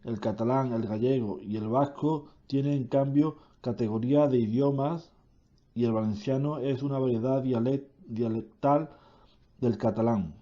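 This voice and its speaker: A man reading a grammar lesson aloud, slowly and deliberately, correcting himself now and then. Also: medium pitch, warm tone, lo-fi sound.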